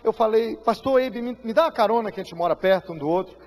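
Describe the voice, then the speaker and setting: A Brazilian man preaches in a high voice that carries a long reverb through a church hall. He tells his story with strong feeling, acting out the voices and rising to shouts at the peaks. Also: fast. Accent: Brazilian Portuguese. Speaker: pastor. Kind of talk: sermon.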